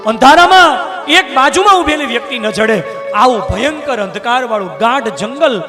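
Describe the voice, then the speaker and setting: A man's voice: extremely high pitch, animated, normal speed. A man reciting scripture as a devotional storyteller at a live religious gathering, telling the tale emotively with dramatic, rising declamation. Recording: reverberant hall, faint guitar behind.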